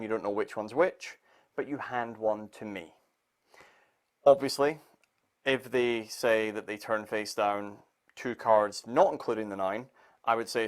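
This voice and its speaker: A man walks through a magic routine step by step, speaking with calm confidence and leaning on key words. His voice sits at an ordinary middle pitch. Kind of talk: instructional explanation.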